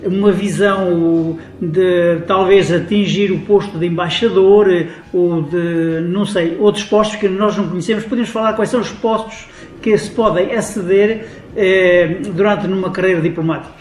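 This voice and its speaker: A man's voice: sits high, fairly even intonation, moderate pace. A man interviewing a diplomat for radio, asking polite, formal questions full of filler sounds. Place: guest's office. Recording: echoey room.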